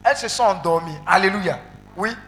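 Lively preacher man. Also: high voice, normal speed, soft background music. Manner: animated, calls out to the congregation, bursts into loud exclamations. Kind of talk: interactive sermon with call and response.

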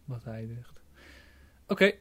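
Relaxed man co-hosting a film podcast. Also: medium pitch, slow pace. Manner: relaxed, jokey, with fillers. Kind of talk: casual chat.

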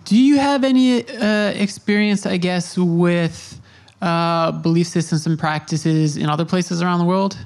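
A woman hosting a casual interview podcast. She asks her questions haltingly, with many fillers and restarts. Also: fairly low pitch, darkish tone. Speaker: podcast host.

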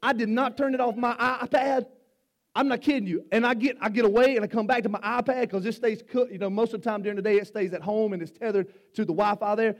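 A middle-aged male pastor delivers a sermon in a voice unusually high for a man, keeping a steady tone and quick pace. His style is folksy; he stumbles over repeated words and teases his congregation.

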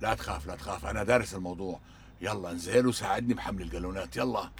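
A man's voice: deep voice, steady tone, racing, heavy background noise. An actor with a Levantine Arabic accent playing a determined, commanding man who plans to burn a warehouse. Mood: reassuring. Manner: insistent, commanding.

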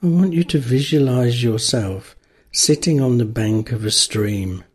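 A man narrating a guided meditation, giving calm, gentle instructions with long pauses. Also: mid-range voice, slightly rough.

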